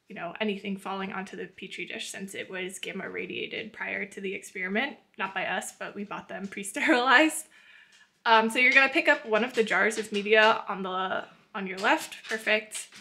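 A woman's voice: medium pitch, sharp tone. A young woman hosting a how-to video, giving friendly, patient step-by-step instructions with small laughs. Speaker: channel host teaching plant tissue culture. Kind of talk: casual instructional voice-over and live coaching.

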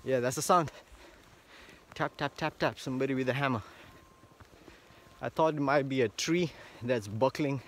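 A man's voice: medium pitch, moderate pace, fairly bright tone, slight background noise. A man vlogging casually as he walks outdoors on a snowy rural property, thinking aloud with lots of fillers. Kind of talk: casual walk-and-talk vlog. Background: faint outdoor rural ambience.

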